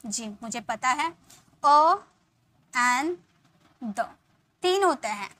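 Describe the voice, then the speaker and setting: Female English teacher, high-pitched and bright, patient explainer who drills slow example sentences. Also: lively intonation. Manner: explains slowly, repeats examples, asks viewers questions. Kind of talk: Hindi-English spoken grammar lesson.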